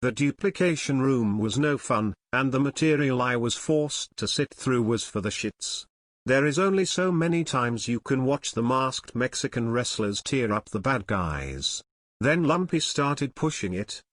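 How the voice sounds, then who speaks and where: A man's voice: mid-range voice, dry recording. Wry man reading his memoir, dry sound. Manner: wry, deadpan storytelling. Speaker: narrator. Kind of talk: first-person memoir reading.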